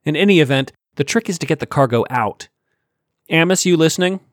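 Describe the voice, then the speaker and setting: A man voicing a wry, commanding male ship captain who talks briskly and sardonically. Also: a little high, animated, no room sound, clean studio sound, pitched above the performer's own voice, lightly acted. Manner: brisk, sardonic, giving orders.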